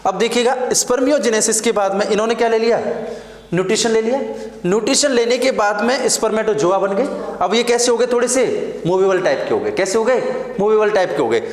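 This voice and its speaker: A man's voice: sits high, animated, a little fast. A man teaching a nursing exam class, lecturing at the board and drilling terms by asking and answering his own questions. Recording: echoey classroom.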